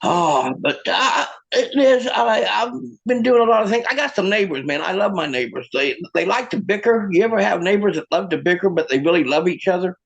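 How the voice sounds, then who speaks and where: A male comedian works through a stand-up set, stammering through rambling setups. His voice sits high and has a gravelly fry. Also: lively intonation, brisk, few pauses.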